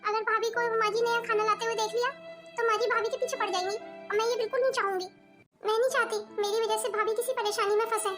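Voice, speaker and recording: A woman's voice: very high voice, little pitch movement, quick pace, a bit bright, soft background music. A woman voicing a firm, outspoken young wife in a cartoon family drama. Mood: worried. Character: defiant young village-bred wife. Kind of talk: cartoon voice acting.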